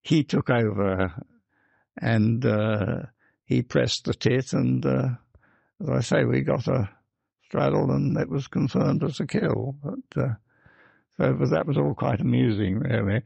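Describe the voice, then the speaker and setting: Gravelly old man reminiscing. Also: medium pitch, unhurried, darkish tone, dry recording, lo-fi sound. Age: older. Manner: chatty, rambling, fond of "you see" and "actually". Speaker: wartime flying boat pilot recalling service. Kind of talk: reminiscing interview.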